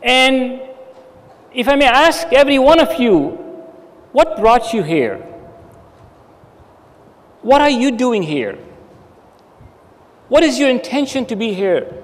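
High-voiced man preaching a sermon. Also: very animated, takes it slowly, long pauses, long reverb tail. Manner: earnest, emphatic exhortation with hand gestures. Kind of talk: Friday sermon. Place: dark stage with curtain backdrop. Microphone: stand mic at the lectern.

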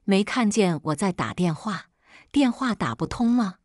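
A woman's voice: medium pitch, expressive, normal speed, dry recording, studio quality, natural voice. A woman voicing an angry, scolding young man. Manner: harsh scolding tone.

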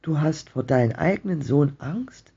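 Ein Mann, der eine verzweifelte alte Frau spricht, die schrill nach ihrem Sohn ruft. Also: male voice, animated, normal speed, gravelly, warm tone, breathy edge, heavily acted. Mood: desperate. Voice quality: shrill, pleading. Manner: crying out in anguish. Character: frantic old woman, desperate grieving mother. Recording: dull muffled recording.

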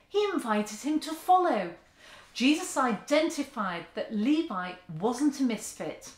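A woman, giving an earnest sermon to camera from a sofa in her living room. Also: on the high side. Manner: earnest, expressive, with open hand gestures. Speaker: church speaker. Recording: echoey room.

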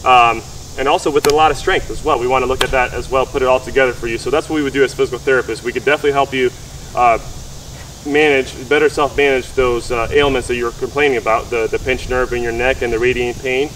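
A man's voice: mid-range voice, steady tone, fast talker, a bit bright. A man in his thirties, a physical therapist, explaining and asking questions in an instructional way. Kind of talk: explanatory instructional talk and interviewing. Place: mostly outdoors on a golf course. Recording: distant mic with faint background noise.

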